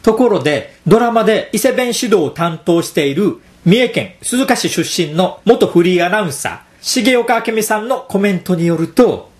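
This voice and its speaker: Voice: medium pitch, animated, moderate pace, hardly any pauses. A program host giving scripted commentary and explanations, laughing now and then between remarks.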